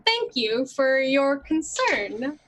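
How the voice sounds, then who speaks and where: A woman's voice: high voice, sing-song, slow pace, a bit bright, a little hiss or hum, exaggerated voice. A woman voicing a small, chipper halfling girl.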